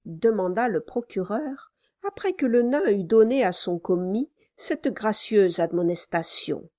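With studio-quality sound and no room echo, a female audiobook reader narrates a script evenly and with measured pacing. Her voice sits in the mid-range.

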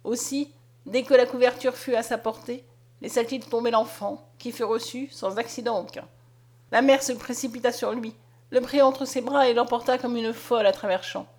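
A woman's voice: a little high, normal speed. Dramatic female audiobook narrator. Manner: dramatic, expressive storytelling.

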